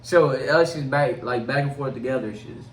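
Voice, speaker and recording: A man's voice: medium pitch, moderate pace, recorded from a distance. A young man, a guest co-host who talks in a hesitant, rambling way full of fillers. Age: young adult. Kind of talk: casual chat. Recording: echoey room, off-mic, faint hiss.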